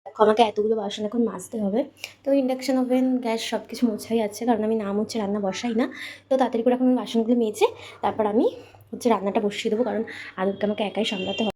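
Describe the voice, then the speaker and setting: A woman's voice: a little high, steady tone, rapid-fire, a little hiss or hum. A woman chatting casually to her viewers in a home vlog, talking through her kitchen chores. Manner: chatty, talks softly while the baby sleeps. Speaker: home vlogger.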